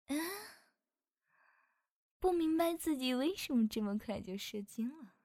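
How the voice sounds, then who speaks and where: A woman's voice: sits high, mellow, dry recording, studio quality, full character voice. A woman voicing a clumsy young female succubus trainee who is a little tsundere and giggly, in an audio drama. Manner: giggly and teasing. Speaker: voice actress.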